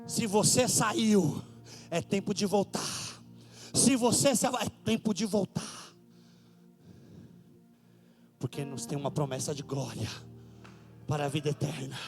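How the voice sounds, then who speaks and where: A man with a Brazilian Portuguese accent preaching fervently at a church service, shouting and chanting repeated phrases. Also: fairly high pitch, measured pace, gravelly, pauses often, soft background music. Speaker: pastor.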